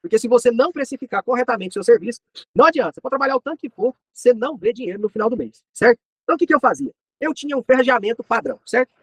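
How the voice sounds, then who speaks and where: A Brazilian man teaching a practical business lesson to other horse professionals. His voice is very high and slightly husky, and he speaks in a very dry, close sound. He talks in rapid bursts and repeats his key points. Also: a bit bright, dry recording, poor audio. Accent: Brazilian Portuguese. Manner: direct, repeats key points, chatty asides.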